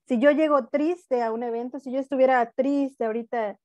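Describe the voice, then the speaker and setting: A woman's voice: sits high, fairly even intonation, moderate pace, darkish tone, no room sound. A woman gives an online lecture over a video call, explaining step by step and often checking in with tag questions. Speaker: speaker at a university talk.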